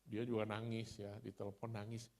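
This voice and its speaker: A man's voice: lowish voice, flat delivery, fairly quick, background noise. A middle-aged man from Indonesia giving a conversational sermon with chatty personal stories. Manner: storytelling, chatty, laughs at himself.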